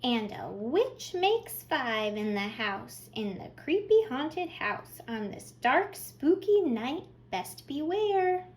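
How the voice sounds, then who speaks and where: A children's librarian hosts storytime, reading aloud in a high, lively voice with slight noise in the background. She speaks expressively to the little ones, asking simple questions and offering praise, taking it slowly with few pauses.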